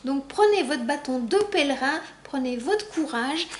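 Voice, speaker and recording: A woman spiritual coach passing on a channeled message in a gentle, encouraging way, a little halting with fillers. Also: sits high, lively intonation, a little hiss or hum. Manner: gentle, encouraging, addresses listeners fondly. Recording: roomy echo.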